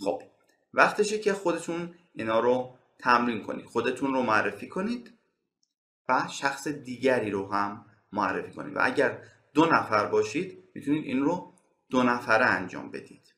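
Male teacher from Iran; bright, clear tone, roomy echo; slow, careful drilling of phrases. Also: mid-range voice, very animated. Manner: slow, carefully spaced English examples between quick explanations. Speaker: English teacher. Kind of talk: bilingual language lesson.

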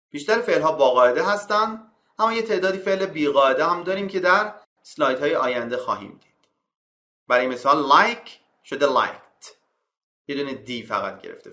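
A man teaches English grammar in an echoey room, reading each rule slowly and then explaining it in casual Persian. His voice is bright and sits a little high. He calls out example verbs on an even higher, animated note. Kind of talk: slide-based grammar lesson.

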